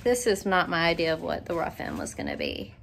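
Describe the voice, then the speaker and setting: A woman's voice: on the low side, wildly swooping pitch, a little fast, gravelly, a little hiss or hum. A woman vlogging her house renovation, talking through her doubts in an uncertain, worried way. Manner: uncertain, worried thinking aloud. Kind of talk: casual vlog narration.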